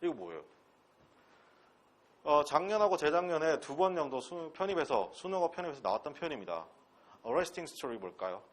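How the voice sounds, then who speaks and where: An English instructor from Pohang, South Korea, teaching at a transfer-exam academy, lectures his class in a Gyeongsang accent. His fairly high voice swings widely in pitch at a moderate pace, broken by long pauses. He's blunt and casual, using crude slang and peppering students with rhetorical questions.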